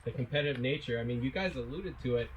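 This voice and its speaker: A man's voice: medium pitch, quick pace, lo-fi sound, very noisy. A man in his early thirties giving an informal, self-deprecating comedic speech as best man at a wedding reception. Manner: self-deprecating, joking, chuckles through his words. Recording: live event with loud crowd laughter.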